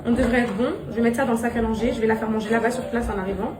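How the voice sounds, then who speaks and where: A young mother vlogging casually at home, rambling and animated with many restarts, and cooing affectionately to her children. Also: fairly high pitch, racing. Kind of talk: casual vlog chat to viewers. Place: home with kitchen. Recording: echoey room with background noise.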